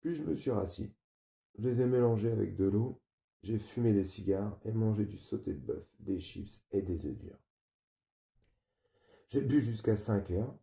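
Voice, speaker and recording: A man with a deep, gravelly voice reads a novel aloud in a flat, weary first-person tone. His sound is dark and mellow. It comes through muffled, with a roomy echo. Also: normal speed, long pauses. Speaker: audiobook reader. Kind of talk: novel reading.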